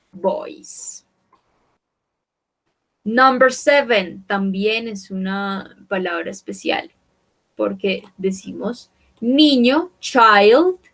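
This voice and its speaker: A young adult woman teaching English online, mixing Spanish explanations with English words she repeats slowly twice. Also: medium pitch. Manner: slow, repeats each word twice, checks with "¿ok?" and "¿sí?"; switches between Spanish and careful English.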